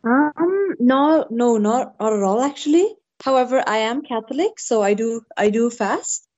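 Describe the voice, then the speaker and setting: A woman's voice: a little high, expressive, a little slow, a little mellow, lo-fi sound. A woman originally from India, speaking as a podcast guest in a friendly, reflective way over a remote call. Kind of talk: casual podcast chat.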